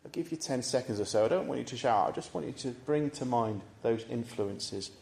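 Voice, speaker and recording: A man preaching a sermon in a church, measured and conversational, pausing to pose reflective questions to the congregation. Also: medium pitch, gravelly, darkish tone. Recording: echoey church room.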